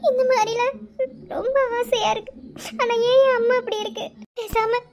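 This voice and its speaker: A pleading young wife in a homemade cartoon, voiced by a woman. She has a very high, tearful voice and speaks with a Madurai Tamil accent. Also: fairly even intonation, normal speed. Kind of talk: cartoon voice acting.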